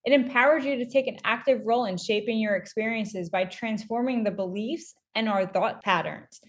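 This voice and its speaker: A woman co-hosting a wellness podcast, talking in an animated, emphatic way and filling her speech with "like". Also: on the high side, moderate pace. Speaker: podcast co-host. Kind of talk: casual podcast chat.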